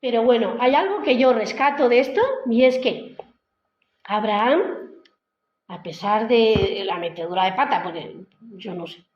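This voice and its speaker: A woman's voice: a little high, a little slow. Chatty woman preaching in an echoey hall. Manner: conversational, retells the story in her own words with frequent "¿no?" tags. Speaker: lay preacher. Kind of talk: informal church sermon. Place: church hall. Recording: echoey, muffled church hall recording.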